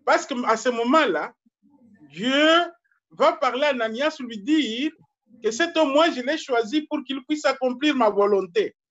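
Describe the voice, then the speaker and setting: A man from Congo, a pastor preaching a sermon slowly and deliberately, repeating his key phrases. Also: very high-pitched, animated, fairly bright tone, highs cut off.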